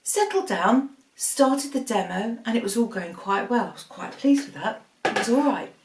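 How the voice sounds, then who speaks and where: A middle-aged woman, hosting an art vlog, chatting through a funny story and a painting demo in a lively, self-mocking way. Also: fairly high pitch, normal speed. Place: room at home. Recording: roomy echo, mic at a distance.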